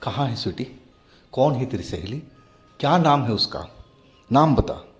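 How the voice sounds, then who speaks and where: A man voicing an angry middle-aged mother who scolds her daughter in a raised, shrill voice, as part of a spoken horror story. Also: animated, a little slow, faint music behind, close to an everyday voice.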